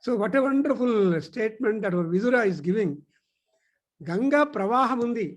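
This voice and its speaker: A man giving a spiritual discourse at a teaching centre, explaining through stories and pausing with "uh" as he thinks. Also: very high voice.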